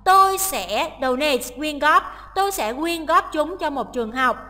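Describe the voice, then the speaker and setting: A woman teacher with a high, ringing voice walks through a listening test. She reads each English sentence and then breaks it down step by step, and a long reverb hangs after her words. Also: animated, unhurried, sharp tone. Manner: explains each option, translating English lines aloud.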